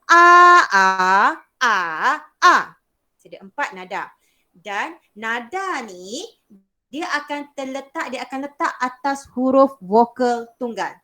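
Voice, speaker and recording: A woman's voice: sits high, animated, a little slow. A young woman with a Malaysian Malay accent teaching a beginners' Mandarin class, explaining patiently and repeating sounds to demonstrate. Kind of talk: online language lesson.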